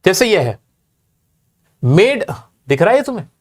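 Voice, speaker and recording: A man's voice: sits high, sing-song, a little slow. A man teaching an exam-prep class, repeating key points and quizzing his students.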